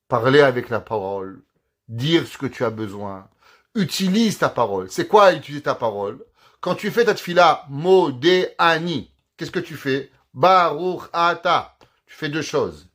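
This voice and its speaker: Animated high-voiced rabbi teaching. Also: male voice. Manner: animated, questioning the audience and answering himself. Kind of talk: Torah lesson in French.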